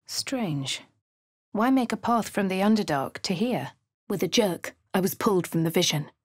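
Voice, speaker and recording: An actress plays a posh female adventurer in a fantasy game, delivering narration and remarks in a refined, dry, composed way with crisp upper-class English diction. Her mid-range voice has lively intonation at a normal speed. These player-character game lines are recorded with no room sound.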